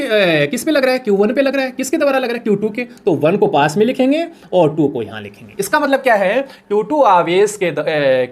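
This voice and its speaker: A man teaching physics in a lecture, asking his own questions and answering them, repeating key points as he works through them on the board. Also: fairly high pitch. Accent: Hindi. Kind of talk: classroom lecture explaining on a board.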